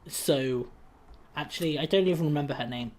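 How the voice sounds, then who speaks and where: A man with a slightly high voice co-hosting a casual podcast. He chats loosely, stumbling through ums and restarts before landing on a joke. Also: fairly quick. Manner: hesitant, full of ums and restarts. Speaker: podcast co-host.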